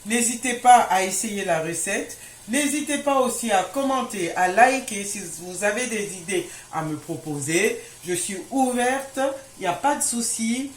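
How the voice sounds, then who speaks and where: A woman's voice: mid-range voice, expressive, measured pace. Echoey, chatty woman giving a cooking tutorial. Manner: chatty, addresses viewers as friends, checks they follow. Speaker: home baking video host. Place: indoors in a home kitchen. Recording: echoey room with faint noise.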